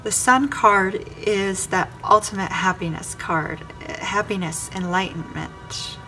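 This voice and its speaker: A woman reads a weekly tarot spread, addressing the viewer sign by sign and looping back over her own phrases. Her medium-pitched voice is pushed and bright, fairly even in intonation, and she takes her time. The audio is poor, with music clearly audible beneath her.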